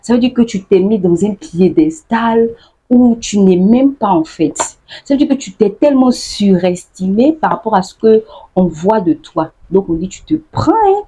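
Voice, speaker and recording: Laughing woman with a husky, mellow voice. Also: medium pitch, normal speed. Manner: lively, laughs often, acts out phrases. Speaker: YouTuber explaining local slang. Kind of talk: casual explanatory vlog.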